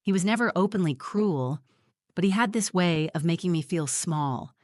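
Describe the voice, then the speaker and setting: Calm low-voiced woman narrating a story. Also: dry recording, clean studio sound. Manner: measured, reflective storytelling. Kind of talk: scripted first-person narration.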